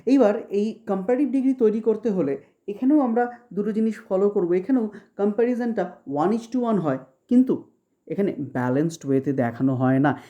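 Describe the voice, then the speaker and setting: A woman from West Bengal teaches grammar in an online lecture, and her voice is deeply dark and warm. She explains step by step and often stops to ask whether everything is clear. When she reads English examples, she slows almost to a crawl and leans on each word. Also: lo-fi sound. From West Bengal, India. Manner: patient, checks understanding with frequent questions; slows down sharply to read English example sentences. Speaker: exam-prep English teacher.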